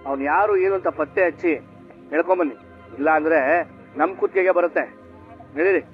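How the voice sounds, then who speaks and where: A police officer barks quick, curt orders in a fairly high voice, as an actor plays him. The audio is tinny and phone-like, with music underneath. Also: male voice, close to an everyday voice. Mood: brisk. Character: brisk, commanding police officer. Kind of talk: TV serial acting.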